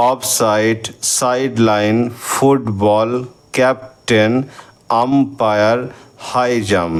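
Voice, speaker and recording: A man with a Bengali accent teaching English grammar to schoolchildren, slowly spelling out words letter by letter and counting their syllables. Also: medium pitch, a little mellow, clear, resonant tone. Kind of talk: recorded lesson for schoolchildren.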